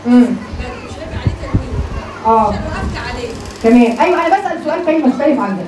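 A woman's voice: fairly high pitch, lively intonation, a little fast, a crowd in the background, background noise. A woman with an Egyptian accent teaching Quran recitation, questioning her students and drilling them on how letters are pronounced. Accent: Egyptian Arabic. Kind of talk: classroom lesson with drills. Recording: roomy, distant from the mic, chattering class behind.

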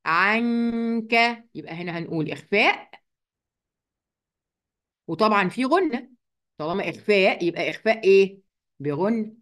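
A woman with an Egyptian Arabic accent teaching a Quran tajweed lesson, patiently asking and answering her own questions and reciting words slowly and drawn out. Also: mid-range voice, lively intonation.

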